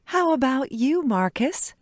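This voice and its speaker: A friendly female teacher, scripted classroom audio, very slow, lively pitch, dry recording. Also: no echo, full character voice. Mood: warm. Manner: clear, deliberate teacher delivery.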